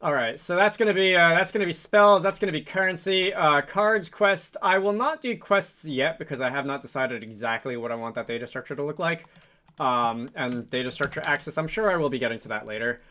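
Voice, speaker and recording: A fairly high-pitched, bright male voice with a forceful tone moves along fairly quickly. As a programming video host and game developer, he works through a casual tutorial without a script, thinking aloud in a halting, wandering manner and correcting himself, with keyboard and mouse clicks audible.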